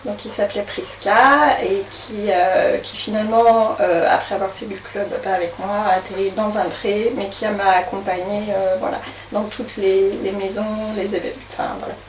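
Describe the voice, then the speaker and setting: A woman's voice: mid-range voice, fairly even intonation, distant mic. A woman gives casual interview answers in a mid-range voice. She hesitates often and builds her sentences piece by piece. The recording is echoey, with faint noise. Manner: hesitant, pausing often mid-phrase to find words. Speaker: interview guest, horse-assisted therapist. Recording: roomy echo, off-mic, faint noise.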